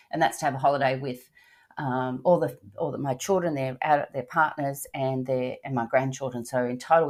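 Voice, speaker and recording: A woman's voice: low-pitched, darkish tone. An older Australian woman, a grandmother, hosting a travel podcast in easy, chatty talk with frequent ums and laughs. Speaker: podcast host. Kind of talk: casual travel podcast chat.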